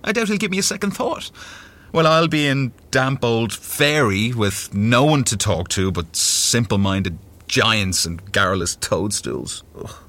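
An actor playing a suave, sly fae noble and courtly emissary, with a flippant, theatrical manner, in an audio drama. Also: male voice, medium pitch, animated, a little slow, fairly bright tone. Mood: wry, idle. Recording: music behind the voice.

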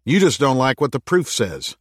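A man's voice: medium pitch, sing-song, moderate pace, dry recording, pitched above the performer's own voice. A man voicing a blunt, hot-tempered young man who talks impatiently, in a dry recording.

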